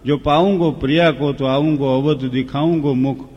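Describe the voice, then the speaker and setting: A man's voice: a little high, fairly even intonation, normal speed, dull audio, close to an everyday voice. A man voicing the grieving young prince Rama, vowing in a solemn, half-sung verse. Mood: chanting. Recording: long hall reverb.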